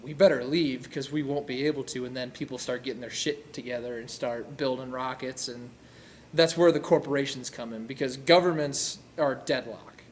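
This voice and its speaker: A man's voice: mid-range voice, steady tone, moderate pace, a little hiss or hum. A young man co-hosting a casual gaming chat, explaining eagerly and often restarting his sentences, recorded by a far camera in a large hall. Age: young adult. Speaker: co-host. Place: large indoor auditorium.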